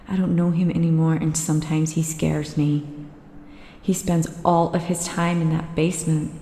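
A woman's voice: low-pitched, vocal fry, mellow, slight background noise. A weary frightened mother's diary. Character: worried young mother reading her diary, fearful. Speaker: game narrator. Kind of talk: scripted diary narration. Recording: reverberant game audio with long echo.

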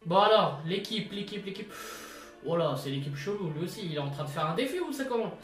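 A man commentating his own football video game match in casual slang, excitable and bursting into shouts at big moments. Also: high-pitched, a little fast. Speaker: gaming YouTuber. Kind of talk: live gameplay commentary. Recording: roomy, distant mic, music behind.

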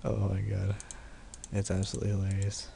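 Gravelly young man narrating his gameplay. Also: low voice, completely flat delivery, a little fast, dark tone, slight background noise. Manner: profane, laid-back, laughing often. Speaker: gaming video host. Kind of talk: casual gameplay commentary.

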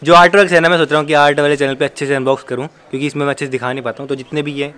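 A man's voice: fairly high pitch, level tone, rapid-fire, a bit bright, clear, resonant tone. A man chatting easily to the camera as a vlogger, in casual vlog talk. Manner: chatty, easygoing, talks to camera. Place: sunny rooftop outdoors.

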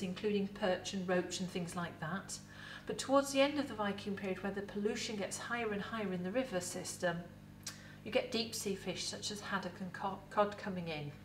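A middle-aged woman with an English accent, a museum educator in costume, giving a lively, chatty talk to camera about food with props in an indoor set. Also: mid-range voice, brisk, slight background noise. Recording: roomy echo, voice from a distance.

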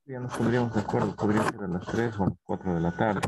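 A man with a very low voice leads a university class, explaining step by step and pausing to check that everyone follows. His recording carries a steady layer of background noise. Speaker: university teacher. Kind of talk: online class talk.

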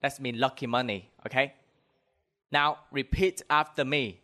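A young man with a Southern Vietnamese accent, teaching a language lesson with deliberate word-by-word enunciation into a handheld microphone. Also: mid-range voice, sharp tone. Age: young adult. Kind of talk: language lesson, slow repeat-after-me drilling.

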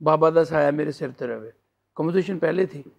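A qawwali singer recounts a story in a casual, chatty way. His voice sits a little high and carries a gravelly edge. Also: moderate pace. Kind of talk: casual anecdote on a TV show.

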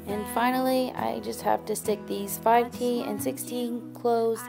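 Over music playing underneath, a woman in her thirties voices a decluttering vlog, chatting upbeat and straight to her viewers as she tidies at home. Her voice is a little high and level in tone, a little slow, with vocal fry.

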